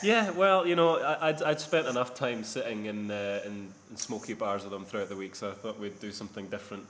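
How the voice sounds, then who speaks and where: A man's voice: on the low side, fairly quick, fairly bright tone. A man hosting a podcast in casual, rambling, self-deprecating chat, his voice echoing around a near-empty living room into a laptop mic. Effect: echoey sound from a near-empty living room. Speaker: podcast host. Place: sparse living room, indoors.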